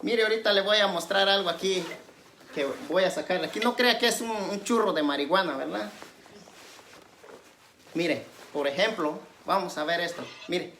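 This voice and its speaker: A woman preacher giving a conversational sermon, constantly checking in with her listeners and alternating loud emphatic questions with quiet asides. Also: moderate pace, slight background noise. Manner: conversational, tags nearly every phrase with a questioning aside; swings between raised emphatic questions and low asides.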